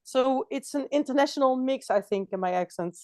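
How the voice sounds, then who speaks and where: A woman from France with a Dutch accent chats casually as a guest on a video call, laughing often and restarting phrases. Her voice is high, lively and fairly quick with a darkish tone, recorded in studio quality with no room sound.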